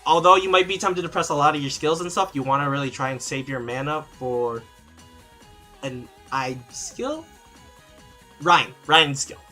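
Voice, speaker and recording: Over soft background music, a male streamer with a fairly high, sharp-toned voice talks at a normal speed. He fields chat questions while playing, rambling casually and filling in with restarts and filler words.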